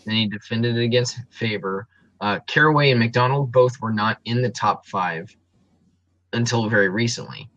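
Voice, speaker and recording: A man's voice: medium pitch, normal speed, a bit bright, no room sound, lo-fi sound. A man co-hosting a casual sports podcast, breaking down fighters and records in detail with frequent ums and restarts. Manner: analytical, reels off stats with frequent ums.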